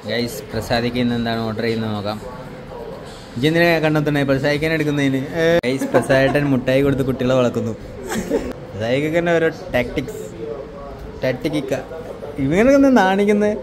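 A male vlogger with a Malayali accent talks in a casual, playful, teasing way, sprinkling English words through his Malayalam. His voice sits at an average pitch, with clear restaurant chatter around him on a phone recording. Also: fast talker. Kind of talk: casual teasing food vlog chat. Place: indoor restaurant. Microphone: handheld phone. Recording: busy restaurant with background chatter.

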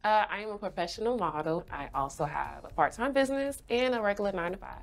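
A young woman, born in Haiti and raised in Florida, sits in an indoor studio as a guest and brand ambassador, answering interview questions bubbly and laughing often. Her mid-range voice is lively in intonation, fast, and has vocal fry.

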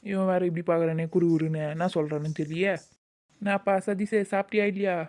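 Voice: mid-range voice, fairly even intonation, brisk, a little mellow, lightly acted. A performer voicing a sheepish, coaxing father in a cartoon, with speech. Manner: coaxing, pleading. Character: sheepish village father, coaxing and soft-spoken. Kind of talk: cartoon voice acting.

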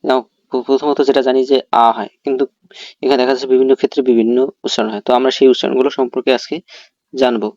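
Talking rapid-fire, a male English teacher runs through a pronunciation lesson, explaining the rules stepwise and answering questions he puts to himself. His medium voice is darkish, with little pitch movement. The recording is muffled and has no room sound.

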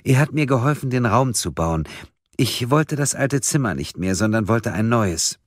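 A man voicing a deranged, gleeful woman kidnapper in an audiobook, with shrill giggling and sing-song menace. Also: animated, moderate pace, no room sound, clean studio sound, close to an everyday voice. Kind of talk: audiobook character voice.

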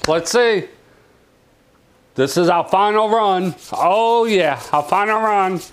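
A man reviewing a kitchen oven in a home kitchen, chatting excitedly with viewers. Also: sits high, slow, clean tone. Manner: exuberant, chatty, calls viewers "my friends" and "baby". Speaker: cooking appliance reviewer. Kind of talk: casual cooking review.

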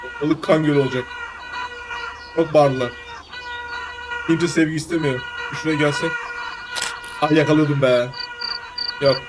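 A man streaming a game, commenting casually with wry asides that turn loud and excited. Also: on the high side, a little slow, pauses often, noisy background. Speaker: gameplay streamer. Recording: game music playing behind.

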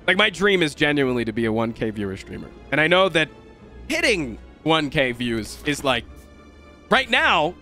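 Streaming from a room in his home, this young man talks at a normal speed in a fairly high, nasal voice while faint music plays behind him. He swears, jokes and gets excitable as he commentates his live gameplay.

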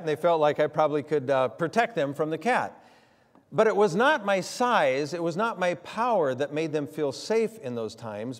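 An older man, preaching a sermon in a folksy storytelling way. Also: mid-range voice. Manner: folksy storytelling with many fillers. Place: church sanctuary. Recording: long hall reverb in a church.

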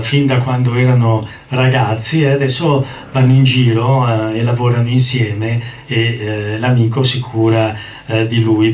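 Halting male literature lecturer, echoey hall. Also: medium pitch, a little mellow, recorded from a distance. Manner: thoughtful, halting, with frequent hesitations. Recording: roomy hall, voice from afar.

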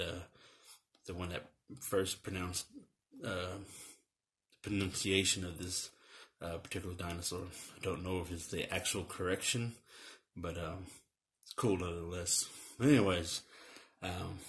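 A man with a very low voice talks through a toy unboxing at home. He rambles easily, filling pauses with "uh" and "um" and restarting his sentences. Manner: relaxed, rambling, many fillers and restarts. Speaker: toy reviewer. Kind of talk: casual unboxing review.

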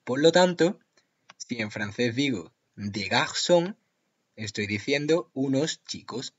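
A man teaching French vocabulary to Spanish speakers, saying each example slowly and repeating it. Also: mid-range voice, animated, breathy edge, highs cut off. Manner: slow, drawn-out model pronunciations with repetition. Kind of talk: language lesson.

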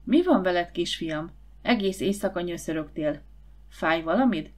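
A woman narrator voicing a worried mother gently scolding her son in a storybook. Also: lowish voice, animated. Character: worried, caring mother of a boy.

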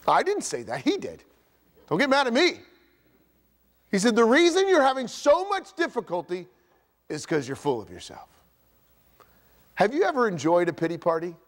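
High-voiced pastor preaching in a reverberant church. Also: male voice. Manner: animated preaching, acts out grumpy dialogue. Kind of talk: sermon. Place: church sanctuary.

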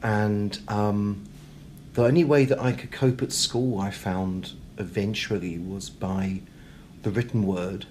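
Slow and steady, a British guest speaks in a fairly low, darkish voice during a casual interview. He's talkative and self-deprecating, his words hesitant and repeated, and background noise and room ambience are clearly audible.

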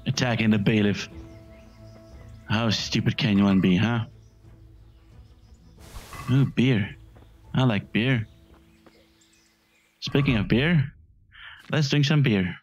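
A man's voice: fairly low pitch, slow pace, long pauses, highs cut off, soft background music. A man hosting a let's-play, giving casual, crude running commentary full of swearing and jokes. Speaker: gaming channel host.

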